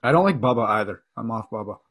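A man's voice: on the low side, lively intonation, fast, fairly bright tone. A man co-hosting a casual podcast over an online call, talking in an offhand, rambling way with many fillers, his voice warbling through a glitchy connection with auto-tune-like artifacts. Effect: glitchy bad call connection with warbling, auto-tune-like artifacts. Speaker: podcast co-host.

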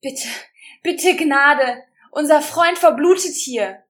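A woman's voice: sits high, lively intonation, normal speed, voice pushed up. A woman reading a storybook who voices a desperate young woman begging for help in a frantic, pleading voice.

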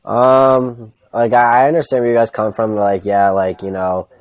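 A man's voice: lowish voice, level tone, normal speed, no echo. A man giving casual sports analysis as a podcast panelist, peppering his talk with conversational filler phrases. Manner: hedging, repeatedly says like and you know. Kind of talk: casual baseball analysis chat.

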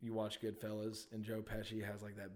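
A man's voice: fairly low pitch, completely flat delivery, a little fast, a little mellow. A young man chatting casually and laughing, sometimes putting on voices to quote people. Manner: laid-back, laughing, puts on voices for quotes. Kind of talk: casual chat.

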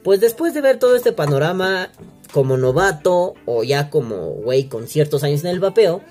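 A man's voice: fairly high pitch, sing-song, normal speed, a little mellow, faint music behind. A man with a Mexican accent hosting a vaping podcast, talking in a crude, slangy, mocking rant and acting out the voices he quotes. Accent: Mexican Spanish. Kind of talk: profane casual rant. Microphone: single home recording setup.

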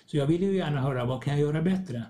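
A man's voice: fairly high pitch, warm tone. A man talking as a podcast guest, reflective, often acting out small dialogues as he explains. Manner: reflective, acts out little dialogues. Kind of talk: conversational podcast talk.

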